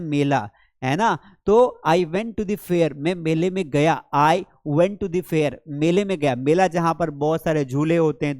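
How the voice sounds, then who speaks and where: Man, English teacher, slow careful example sentences, fairly high pitch. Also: a little mellow, no echo, studio quality. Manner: calls listeners beta, slows right down for English example sentences. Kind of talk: classroom lesson explaining words.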